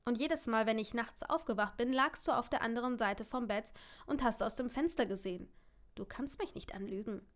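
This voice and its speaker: A woman reading the lines of a gentle, worried young boyfriend in an audiobook, in a soft, hushed, coaxing voice. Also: a little high, moderate pace, lightly acted.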